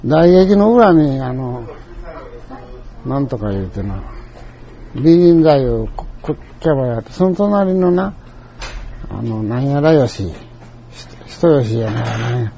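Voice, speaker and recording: Older Kansai man, mellow lo-fi anecdote. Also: medium pitch, animated, a little slow, long pauses, slight background noise. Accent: Kansai Japanese. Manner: chatty storyteller, colloquial and digressive. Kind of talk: rambling personal anecdote. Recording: dull lo-fi recording.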